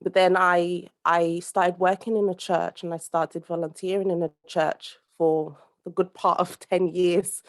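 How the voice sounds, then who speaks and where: Speaking in a lowish voice with flat delivery, this young woman from the UK keeps an unhurried pace and hardly any pauses. She's a social commentator and podcast guest, talking earnestly over a call and rambling with many fillers and restarts.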